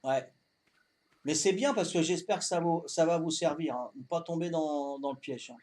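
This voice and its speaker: A man in his fifties with a Corsican accent, chatting calmly to his viewers during a live game stream, tagging his sentences with "hein" and repeating himself. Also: a little high. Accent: Corsican French. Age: 50s. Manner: calm, unhurried, talks to chat while playing.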